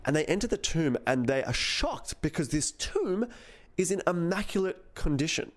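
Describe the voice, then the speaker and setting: A man's voice: fairly high pitch, sing-song, moderate pace. A man, co-hosting a podcast and casually retelling a history story, acting out quotes along the way. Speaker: podcast co-host.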